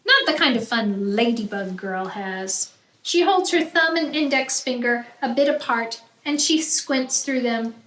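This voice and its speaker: Narrating a picture book for kids, a woman in a high, bright voice sounds animated yet keeps a measured pace, emphasizing important words the way a teacher would. Her echoey room adds faint background noise.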